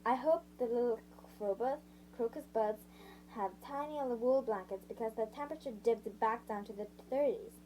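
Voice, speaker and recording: Woman reading a book out loud, kinda high voice, keeps tripping and redoing words, faint hiss behind. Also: rough recording. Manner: halting, frequent restarts and self-corrections; breaks off to summarize parts in her own words. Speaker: audiobook reader. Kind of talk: amateur read-aloud narration.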